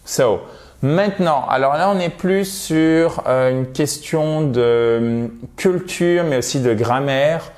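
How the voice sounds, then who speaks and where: A man's voice: a little high, slow pace, a little mellow. A man teaching English to French speakers in a video lesson, explaining patiently and playfully exaggerating example pronunciations.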